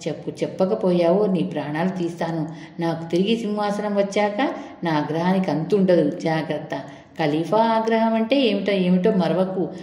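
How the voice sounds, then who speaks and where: A woman storyteller voicing an angry young man who believes he is the caliph, shouting and threatening. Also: fairly low pitch, moderate pace, close to an everyday voice. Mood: shouting angrily. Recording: echoey room with long reverb.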